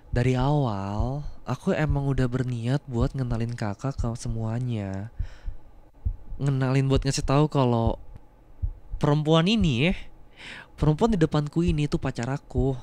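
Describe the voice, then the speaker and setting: A young man voicing a younger male student, a rough former bully who has become a protective boyfriend, in an ASMR role-play. He repeats short words again and again to coax and calm. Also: medium pitch, natural voice. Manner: repeats words to soothe, coaxing and reassuring. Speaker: voice actor.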